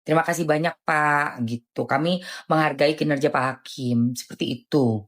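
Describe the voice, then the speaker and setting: A woman hosting a casual live stream, chatting animatedly in slang and selling skincare. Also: moderate pace. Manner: animated, chatty, jumpy pitch swings, lots of slang.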